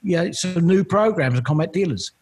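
In a casual storytelling interview, a middle-aged Cockney man from East London, England, who collects militaria, rambles chattily through long tales as the guest. His voice sits high and is husky with a darkish tone, animated and a little fast, and he often says "I've got to be honest."

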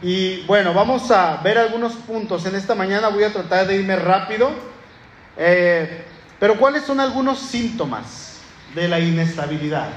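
Male pastor, high voice, animated sermon, faint room noise in a reverberant hall. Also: moderate pace. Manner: lively, calls out to the congregation. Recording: echoey hall with room ambience.

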